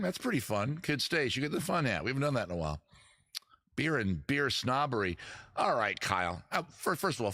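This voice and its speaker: This medium-pitched, sharp-toned man is livestreaming a music and chat show from his home backyard. He chats casually with viewers, pokes fun at himself, curses a lot and sometimes improvises songs. No room sound is audible.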